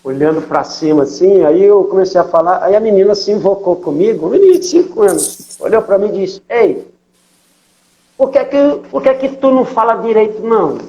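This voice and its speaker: In a conversational testimony interview, an older missionary from São Paulo tells stories in a São Paulo Portuguese accent, relying on fillers and tag questions. His high voice is expressive, mellow, and a little fast, and the recording is muffled.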